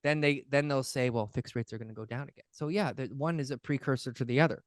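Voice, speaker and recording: A man co-hosting a casual podcast, his voice smooth and resonant at a middle pitch. He talks in an animated, emphatic way, stacking up repeated words when excited, and the room is dry and close. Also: fast talker, no echo. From Canada. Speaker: podcast co-host. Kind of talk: casual chat. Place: podcast studio.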